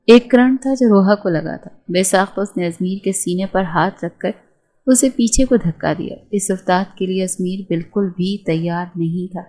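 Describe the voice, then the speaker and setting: A woman narrating a romance novel in a steady storytelling manner. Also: medium pitch.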